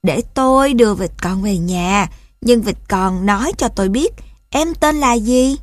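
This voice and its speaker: A woman's voice: mid-range voice, lively intonation, a little slow, no echo, studio quality, natural voice. A woman voicing a little squirrel offering to help a lost duckling. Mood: plain.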